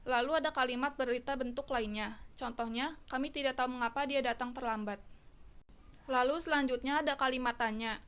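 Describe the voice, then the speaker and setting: Woman reading a class presentation. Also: sits high. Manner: steady, list-like reading. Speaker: student presenter.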